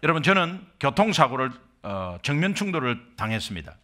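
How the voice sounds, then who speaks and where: A man's voice: medium pitch, big pitch swings, brisk, sharp tone. A middle-aged man from Korea, a pastor preaching an impassioned sermon full of rhetorical questions.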